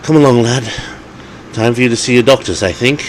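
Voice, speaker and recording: A man's voice: mid-range voice, a little fast, slight background noise, voice pushed up, lightly acted. A man voicing a theatrical old male vampire who is mocking toward enemies and fatherly toward friends. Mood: kindly.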